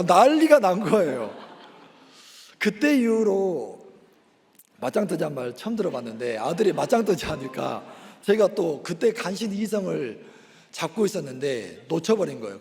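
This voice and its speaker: A middle-aged man, a pastor, giving an animated sermon testimony and acting out quarrels, then growing quiet and reflective, in a reverberant church hall. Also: a little high, creaky. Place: church sanctuary.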